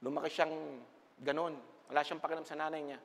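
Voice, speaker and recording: A man, a pastor preaching a sermon with animated storytelling in a church. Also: fairly high pitch, fast. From Philippines. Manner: mixes English and Tagalog, animated storytelling. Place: church sanctuary. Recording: reverberant church hall.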